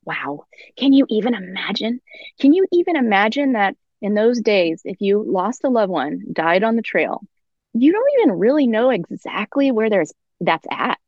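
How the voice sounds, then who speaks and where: A woman's voice: medium pitch, big pitch swings, moderate pace, no room sound, highs cut off. A young woman, a podcast guest, who is effusive and giggles often. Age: young adult. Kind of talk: casual podcast chat.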